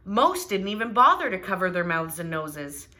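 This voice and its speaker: Animated woman reading a children's story. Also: mid-range voice, normal speed. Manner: animated, asks listeners questions. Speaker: storybook reader. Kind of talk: children's storytime read-aloud.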